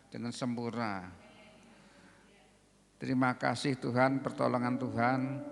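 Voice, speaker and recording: Gravelly older man giving church testimony. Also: mid-range voice. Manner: plain, halting storytelling. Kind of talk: spoken testimony in a church service. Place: church hall. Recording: reverberant church hall with faint music. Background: faint instrumental music.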